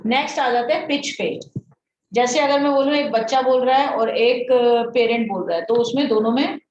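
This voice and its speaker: A woman's voice: a little high, moderate pace, a little mellow. A woman teaching a science lesson, explaining step by step and often checking that her students understand. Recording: dull roomy recording with faint noise.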